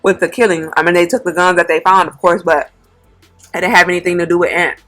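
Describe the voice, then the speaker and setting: A woman hosting a mukbang, casually retelling a story in a relaxed, slangy way with lots of fillers. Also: on the low side, quick pace, faint music behind. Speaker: mukbang channel host. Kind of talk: casual storytime while eating.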